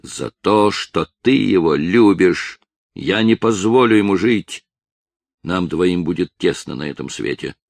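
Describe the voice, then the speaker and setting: A man's voice: low-pitched, animated, a little slow, gravelly, no echo, full character voice. A man voicing an obsessive, possessive villain who threatens a young woman, in a menacing, insistent manner. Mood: threatening.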